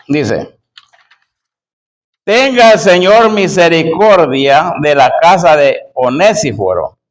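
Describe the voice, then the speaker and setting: Slow, emphatic preacher man. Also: fairly high pitch, rough recording. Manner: emphatic, repeats key phrases slowly; addresses listeners as brother and sister. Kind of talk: sermon.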